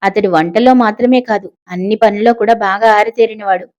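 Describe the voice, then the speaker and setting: A woman's voice: medium pitch, steady tone, brisk, a little mellow, dull audio. A woman narrating a family story, expressively switching voices for the characters. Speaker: audiobook narrator.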